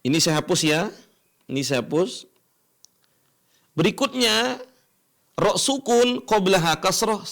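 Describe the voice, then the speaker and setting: A man teaching Quran recitation rules step by step, asking and answering his own questions and chanting examples slowly. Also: high-pitched, expressive, vocal fry, a bit bright. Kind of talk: educational lesson explaining tajwid rules.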